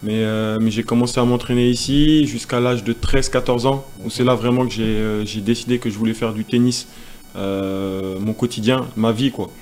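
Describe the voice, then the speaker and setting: A young man in his twenties answers questions at an easy pace, casual and unhurried. His voice sits at a middle pitch. A faint background noise hums behind him. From Senegal. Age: 20s. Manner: relaxed, casual, many fillers. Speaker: tennis player guest.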